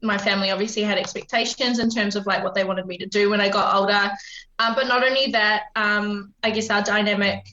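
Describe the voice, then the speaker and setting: A woman in her late twenties with a New Zealand accent talks casually as a podcast guest, peppering her sentences with ums. Her voice is bright and forward, though the line sounds roomy and somewhat muffled. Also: mid-range voice, fairly even intonation, a little fast. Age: 20s. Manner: chatty, frequent ums, laughs easily. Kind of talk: casual interview chat. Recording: roomy, dull lo-fi remote line.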